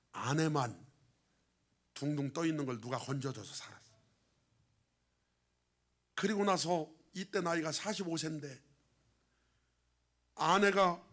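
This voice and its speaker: A middle-aged man preaching a sermon as pastor, telling a story quietly and then exhorting his congregation loudly. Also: fairly high pitch.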